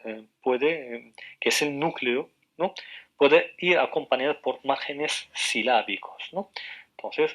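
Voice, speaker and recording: A man giving a university lecture over the radio, explaining slowly with frequent hesitations, repeated words and questioning tags. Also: medium pitch, fairly bright tone.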